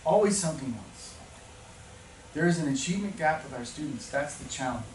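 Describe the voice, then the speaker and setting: A man's voice: on the high side, expressive, a little fast. Man, motivational teacher talk, storytelling, emphatic peaks, roomy echo, background noise. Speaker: teacher orientation speaker. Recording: echoey room, speaker far from mic, noisy.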